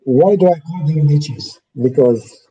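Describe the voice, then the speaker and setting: A man's voice: a little high, slow pace, mellow, far from the mic, muffled recording. A man hosting a live stream over a video call, talking hesitantly with many fillers, his audio breaking up and sounding robotic. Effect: glitchy, robotic-sounding, breaking-up internet audio. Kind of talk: casual online discussion.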